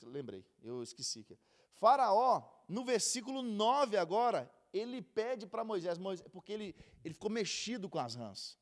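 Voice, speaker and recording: A man's voice: sits high, very animated, normal speed. A man with a Brazilian Portuguese accent teaching a casual Bible class, chatty and joking as he goes. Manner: chatty, jokes and laughs while teaching.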